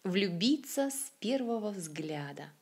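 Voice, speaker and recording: Slow, breathy woman teaching language. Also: medium pitch, big pitch swings, a little mellow. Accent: Russian. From Siberia, Russia. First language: Russian. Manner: repeats each phrase slowly and clearly. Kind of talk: slow, careful language lesson with repeated example phrases.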